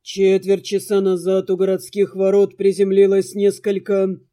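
A woman reading an audiobook voices a worried former mentor, a grave, hesitant man, in a lowered voice. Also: monotone, normal speed, warm tone, close to an everyday voice.

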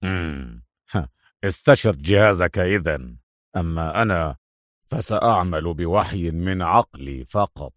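A bitter, sneering villain boss with a lowered, gruff voice, as a male narrator puts him on. He mocks and grumbles with resentment. Dry, close recording. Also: brisk, a bit bright, no echo, close to an everyday voice. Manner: bitter and mocking.

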